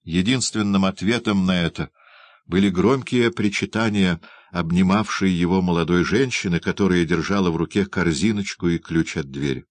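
Low, expressive male audiobook narrator, dry close read. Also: normal speed, dry recording. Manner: expressive, lively reading.

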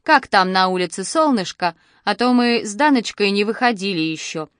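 A woman voicing a bossy, fussy middle-aged woman who scolds and shouts orders. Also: medium pitch, animated, normal speed, clean tone, dry recording, clean studio sound, lightly acted. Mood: chiding. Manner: loud, scolding, exclamatory.

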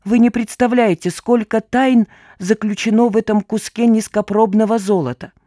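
A woman reading an audiobook voices a frail, self-important old man in a weak, trembling voice, raised in pitch and full of dramatic pauses. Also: fairly even intonation, mellow, dry recording, studio quality, lightly acted. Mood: conspiratorial. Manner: high, quavering, dramatic pauses. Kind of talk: audiobook character voice.

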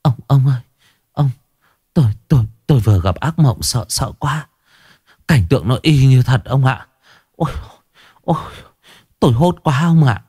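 A man's voice: medium pitch, sing-song, moderate pace, pauses often, dry recording, studio quality, voice pushed up. A man voicing a frightened middle-aged village wife, who stammers and pleads. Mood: terrified.

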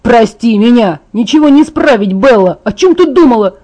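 A woman reading aloud voices a bedridden young man who is wounded and hurt, speaking slowly and gravely, with bitter outbursts. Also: medium pitch, steady tone, dark tone. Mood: bitter anger. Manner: slow, grave, bursts of bitter anger. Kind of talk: audiobook character voice.

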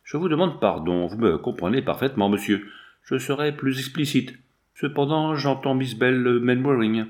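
A stern old general in a storybook reading, agitated and severe, his pitch swinging from low mutters to sharp rises, as a male narrator puts him on. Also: animated, normal speed, natural voice.

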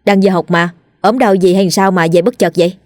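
A woman's voice: lowish voice, fairly even intonation, a little fast, darkish tone, no room sound, clean studio sound, close to an everyday voice. A woman voicing an anxious middle-aged mother in a spoken ghost story, fretful and pleading. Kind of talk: storytelling role voice.

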